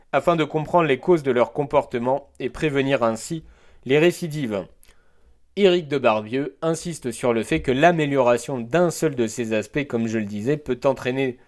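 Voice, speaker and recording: Man hosting a teacher's podcast. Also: mid-range voice. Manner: reads prepared notes with hesitant asides and fillers. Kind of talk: solo educational podcast monologue.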